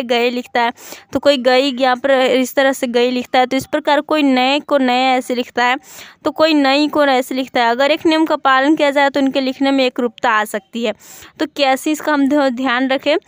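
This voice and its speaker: High, smooth-voiced woman teaching Hindi spelling. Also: no room sound. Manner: explains step by step, listing word examples with many fillers. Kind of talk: online exam-prep lesson.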